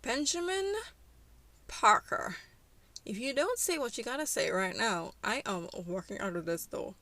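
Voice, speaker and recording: A woman's voice: medium pitch, lively intonation, moderate pace, fairly bright tone, dry recording. Woman voicing a fed-up, demanding young fiancee. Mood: angry. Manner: demanding, impatient.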